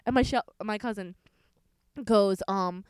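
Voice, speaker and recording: A young woman co-hosting a podcast tells stories in casual chat, packing her speech with fillers, especially "like." Her medium-pitched voice is unhurried with a clean tone and no echo, though the audio quality is poor.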